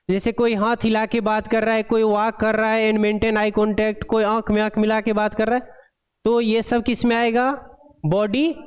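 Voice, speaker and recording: A man teaching pharmacy, reading lines slowly and explaining them in Hindi, often asking the class questions. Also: sits high, clean tone. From India. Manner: asks the class rhetorical questions. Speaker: pharmacy lecturer. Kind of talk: classroom lecture.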